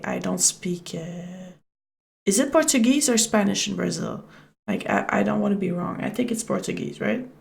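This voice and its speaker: A woman's voice: medium pitch, creaky. A French Canadian woman, a native French speaker, casually streaming a game, reading its text aloud and chatting with viewers.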